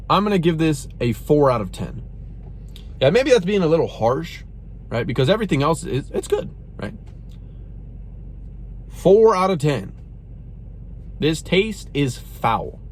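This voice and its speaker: A man's voice: mid-range voice, a little hiss or hum. A young man reviewing a drink in a casual, exasperated rant, saying "bro" often. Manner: animated, exasperated, says "bro" a lot.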